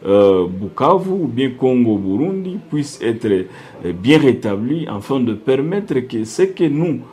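A man's voice: mid-range voice, very animated, warm tone. A man from civil society answers a news interview formally, hesitating often. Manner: formal but halting, with many hesitations.

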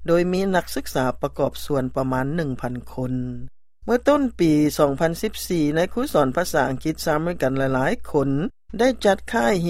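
Male news narrator, Lao accent, slightly high voice, dry recording, scripted report delivery. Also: no room sound.

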